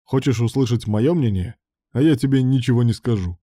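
A man's voice: medium pitch, brisk, warm tone, no room sound, clean studio sound, lightly acted. A man voicing a drunk, sneering young man. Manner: sneering, sarcastic.

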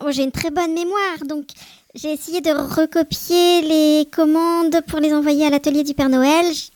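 A woman plays Santa's self-important little elf assistant in a children's podcast. She sounds childlike and high-pitched, chattering with small hesitations and repeats. The recording is dry and close. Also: a little mellow, dry recording, close to an everyday voice. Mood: apologetic. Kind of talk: children's Christmas podcast role-play.

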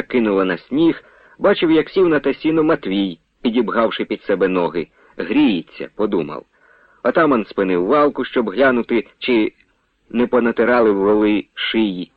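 A man reading a novel aloud for the radio, with an expressive delivery. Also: mid-range voice, fairly quick, no room sound. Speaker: narrator. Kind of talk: scripted narration of a novel on radio. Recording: tinny phone-like radio sound.

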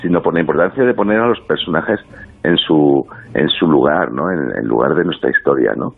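Very deep gravelly man on a phone line. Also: fairly quick. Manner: rambling, many hesitations and tag questions. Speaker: guest. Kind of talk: radio phone interview.

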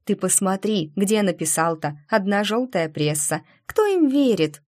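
A woman voicing an excitable young female friend who talks loudly and eagerly. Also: mid-range voice, natural voice. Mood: excited. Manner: loud, eager, quick to cheer up.

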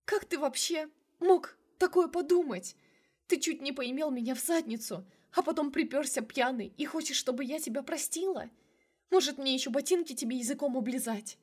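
A woman's voice: on the high side, normal speed, slightly rough. A woman playing a tearful, furious young woman. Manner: sharp, raised, indignant.

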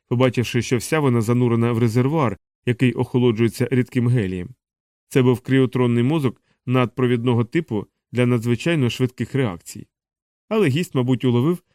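Mellow-voiced man reading an audiobook. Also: medium pitch, dry recording, studio quality. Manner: measured, steady reading. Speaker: audiobook narrator. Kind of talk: scripted audiobook narration.

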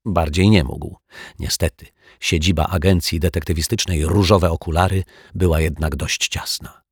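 Brief: male storybook narrator, low and husky, slow, dry close mic. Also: no room sound. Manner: measured, expressive narration. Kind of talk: storybook reading.

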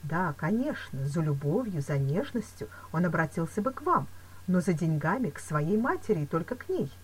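A wary fencing master speaks slowly and deliberately, read by a woman with a husky edge and lively pitch. He weighs each doubt before voicing it, like a measured storybook character. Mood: reasoning. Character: calm, suspicious male fencing teacher. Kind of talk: audiobook character reading.

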